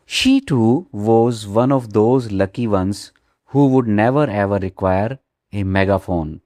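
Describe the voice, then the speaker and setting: A man teaching an English textbook chapter, reading each line slowly and then explaining it in Hindi. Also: fairly low pitch, warm tone, no echo, studio quality.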